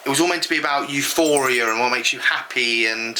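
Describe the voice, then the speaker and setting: A man's voice: mid-range voice, a little fast, bright, forceful tone, slight background noise, poor audio. A British man co-hosting a vlog, chatting casually with frequent ums. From United Kingdom. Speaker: vlog co-host. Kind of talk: casual chat.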